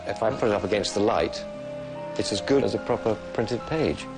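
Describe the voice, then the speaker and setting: A man's voice: on the low side, a little fast. A man trying out gadgets on camera, chatty and appreciative. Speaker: product tester. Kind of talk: casual on-camera chat. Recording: music under speech.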